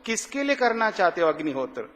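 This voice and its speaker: A man giving a morning sermon in an ashram hall, asking repeated rhetorical questions and reciting verses slowly and emphatically. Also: high-pitched, very animated, a bit bright. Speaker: swami giving a morning discourse. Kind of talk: sermon explaining ritual mantras. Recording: long hall reverb.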